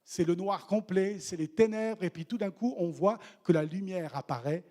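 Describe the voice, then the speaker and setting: A man preaching a sermon as a missionary, animated and humorous, acting out the people in the story he tells. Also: sits high, normal speed. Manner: animated, acts out voices of people in the story, jokes with the congregation.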